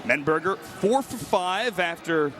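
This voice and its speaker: A male play-by-play announcer calls a football game in short, punchy phrases. His voice is fairly high and swings in pitch. Loud outdoor stadium noise runs behind him. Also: expressive, a little slow. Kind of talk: live American football commentary.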